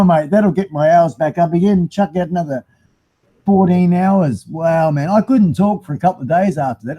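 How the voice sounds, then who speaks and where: A man's voice: a little high, highs cut off. A man with a broad New Zealand accent hosting a casual live stream, rambling and matey as he chats to viewers. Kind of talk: casual live chat, reading out viewer comments.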